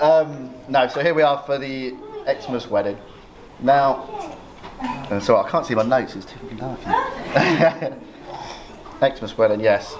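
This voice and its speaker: A middle-aged man giving an informal, joking wedding speech as father of the bride, with a dry, self-deprecating, sometimes sweary delivery. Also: medium pitch. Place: busy indoor wedding reception. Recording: noisy crowded room, loud ambience. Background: chattering, laughing guests.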